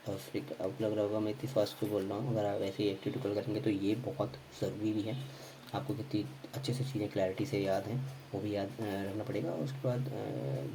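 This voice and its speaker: A man teaching a quick geography revision lesson, repeating names over and over and correcting himself as he goes. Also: fairly low pitch, warm tone, a little hiss or hum, rough recording. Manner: quick, repetitive drilling with frequent self-corrections and fillers.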